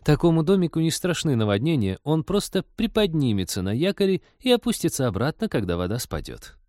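A man's voice: a little high, very animated, a little fast, a little mellow, no echo, studio quality, pitched above the performer's own voice. A man voicing a curious, impulsive young woman space traveler who talks with eager wonder.

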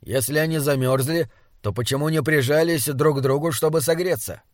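A man plays a thoughtful male traveler who reasons aloud in a string of questions. The voice sits a little high for a man. The reading is dry and close-miked. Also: brisk, no echo, natural voice. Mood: puzzled.

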